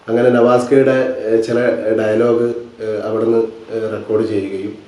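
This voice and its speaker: A man's voice: fairly low pitch, flat delivery, normal speed, dark tone, heavy reverb, distant mic, low-quality recording. A man from Kerala, a film actor and dubbing artist, recounting his work in a hesitant way with many fillers. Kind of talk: interview account.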